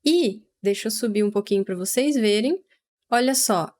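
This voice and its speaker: A Brazilian woman teaching English vocabulary, patiently explaining and repeating words slowly for pronunciation. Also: mid-range voice, darkish tone. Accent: Brazilian Portuguese.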